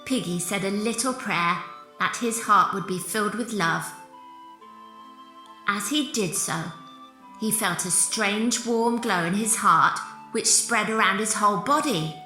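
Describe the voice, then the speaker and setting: A woman reads a children's storybook aloud at an unhurried pace, her voice bright and clear. The room sounds roomy, with faint music playing beneath. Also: mid-range voice. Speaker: children's author reading her book. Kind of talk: storybook narration.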